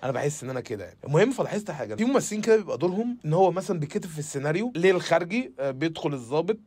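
Rapid-fire Egyptian man, casual comic monologue. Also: on the high side, sing-song, darkish tone, husky, no echo. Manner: rambling, sarcastic, slangy and profane. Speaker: comedic show host.

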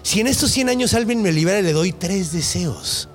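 A giant, proud genie, voiced by a Mexican man telling the tale, speaking in a slow, drawn-out, menacing way. The delivery is theatrical and deliberate. Faint music plays under the voice. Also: sits high, animated. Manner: slow, dramatic storytelling delivery. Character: giant vengeful male genie, proud and bitter.

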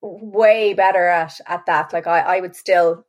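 A woman's voice: on the low side, steady tone, measured pace. A woman in her forties hosting a casual interview, self-deprecating and laughing easily. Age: 40s. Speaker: podcast host.

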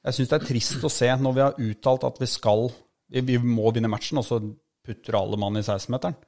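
A man's voice: medium pitch, steady tone, mellow. Man reasoning aloud in podcast chat. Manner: reflective, building an argument step by step. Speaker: podcast co-host, football fan.

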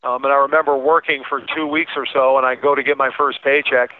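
A man's voice: mid-range voice, little pitch movement, quick pace. A man being interviewed, telling a personal story in a candid, informal and emphatic way. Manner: informal, emphatic, quotes remembered speech. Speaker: interview guest. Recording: thin phone-like line.

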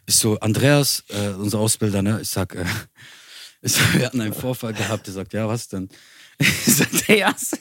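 A man co-hosting a podcast, telling animated stories in casual with frequent laughter. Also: lowish voice, moderate pace, dry recording, studio quality. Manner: animated, laughing, acts out anecdotes. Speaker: podcast co-host. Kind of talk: casual chat, storytelling.

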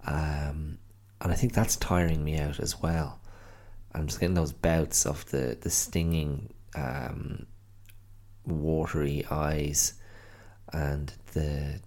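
Taking it slowly in a rumbling low, level, slightly mellow voice, an Irish man chats on his own podcast. Hay fever has him tired and a little congested, and he rambles casually with many self-corrections.

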